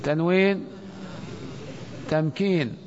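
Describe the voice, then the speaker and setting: In a classroom or mosque hall, a man teaches a grammar lesson, quizzing students and calling on them by name. His fairly high voice is slow and a little mellow, captured in a lo-fi recording with long hall reverb.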